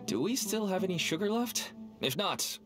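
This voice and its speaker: Over game music, a man with a high voice and big pitch swings performs game voice acting at normal speed. He plays a nervous, wheedling middle-aged father and dealer, persuasive in manner.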